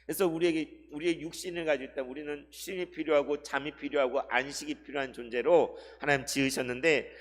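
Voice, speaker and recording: A male pastor giving a Sunday sermon, asking the congregation questions and swinging between loud and hushed delivery. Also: a little high, steady tone, fast talker, few pauses. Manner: addresses the congregation with rhetorical questions; dramatic shifts between loud and soft delivery. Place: church sanctuary. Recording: long hall reverb.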